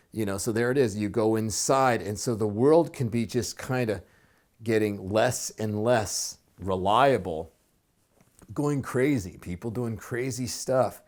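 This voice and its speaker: A man, a psychotherapist and coach, giving calm, reflective advice on his own, with frequent fillers and restarts. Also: fairly low pitch. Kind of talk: solo advice talk to camera.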